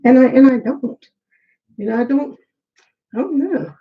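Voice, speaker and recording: A middle-aged woman chats casually to the camera as she braids her hair, out of breath, candid and rambling as she talks to herself. Her voice is high and expressive at normal speed, with phone-quality sound.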